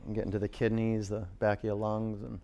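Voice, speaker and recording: A man's voice: fairly low pitch, little pitch movement, a little fast, mellow, highs cut off. A man working as a yoga instructor, calling out rep counts and short commands as he leads a vinyasa class.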